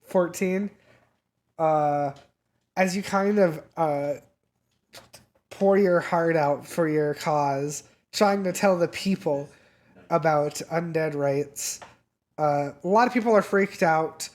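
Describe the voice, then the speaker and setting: A game master narrating a tabletop game in a casual, halting way, full of fillers. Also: medium pitch, darkish tone.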